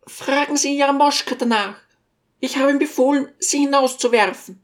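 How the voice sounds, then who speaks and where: A man voicing a shrill imperious rich lady. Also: normal speed, fairly bright tone. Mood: furious. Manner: shrill and commanding.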